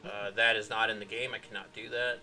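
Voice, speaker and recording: Sharp-toned game master man. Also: lowish voice, flat delivery, a little fast, soft background music. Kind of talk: running a tabletop game on a livestream.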